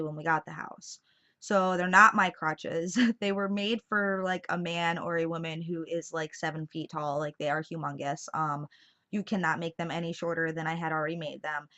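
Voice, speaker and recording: Chatty young woman telling a story. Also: deep voice. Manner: animated, chatty, lots of fillers like "like". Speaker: vlogger. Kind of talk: casual storytelling. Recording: dull lo-fi sound.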